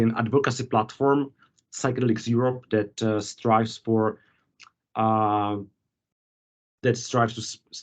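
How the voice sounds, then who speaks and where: A man, a guest explaining policy work in a measured, formal way during an interview held over a video call. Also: on the low side. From Czech Republic.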